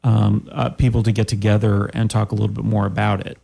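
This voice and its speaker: Gravelly, mellow man chatting casually. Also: on the low side, level tone, fast. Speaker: interview guest, typewriter hobbyist. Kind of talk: casual conversational explanation.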